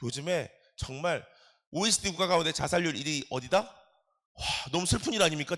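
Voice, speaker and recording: A middle-aged male pastor preaching a sermon, animated and joking, calling out to the congregation. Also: a little high.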